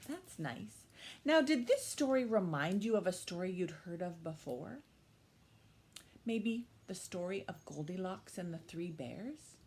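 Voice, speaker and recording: Here a female children's librarian hosts storytime, mixing read-aloud with instruction in simple, encouraging phrases she repeats for little ones. Her voice is mid-range, with slight background noise behind it.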